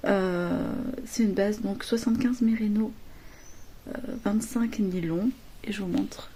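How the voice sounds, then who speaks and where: A middle-aged woman chatting casually to her viewers about knitting, speaking softly at home in a hushed half-whisper. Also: medium pitch, fairly even intonation, slow, a little hiss or hum. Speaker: knitting vlogger. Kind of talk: casual chat. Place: home, early morning.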